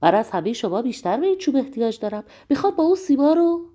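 A woman voicing a quiet but stubborn hedgehog in a children's story, low and brisk. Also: sing-song, breathy edge. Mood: insistent.

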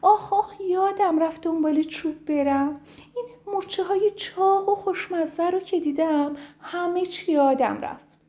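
A woman doing a chirpy woodpecker lady, very high and excited, mellow tone. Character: chirpy greedy female woodpecker.

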